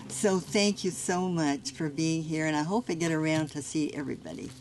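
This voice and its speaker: An older woman giving a thank-you speech as guest of honor outdoors, halting with many fillers. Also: deep voice, heavy background noise. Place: outdoor county park.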